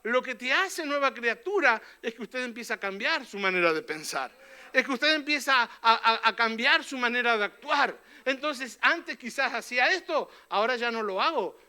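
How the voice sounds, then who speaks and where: A male pastor delivers a fervent sermon in church. His voice is extremely bright and sharp, and his pitch sits very high for a man. He keeps checking in with his listeners through short questioning tags. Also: expressive, normal speed, smooth.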